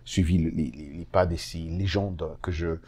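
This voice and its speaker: A man's voice: sits low, steady tone, normal speed, a little mellow, husky. A middle-aged man from the Democratic Republic of the Congo, a journalist telling stories as a guest in an interview, with many hesitant fillers and easy laughter. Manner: hesitant fillers, laughs while recounting anecdotes. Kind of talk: casual interview chat, animated storytelling.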